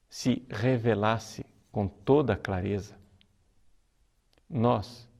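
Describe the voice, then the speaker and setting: A man preaching as a priest, earnest and emphatic, slowing down to stress key words. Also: mid-range voice, creaky, warm tone. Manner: earnest, emphatic teaching with slow deliberate stresses. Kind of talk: sermon.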